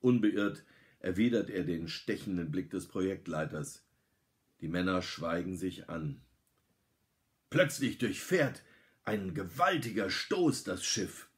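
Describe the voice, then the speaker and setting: A middle-aged man with a fairly low voice reads a story aloud in a dramatic, lively way. He lifts his voice when he speaks the characters' lines. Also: takes it slowly.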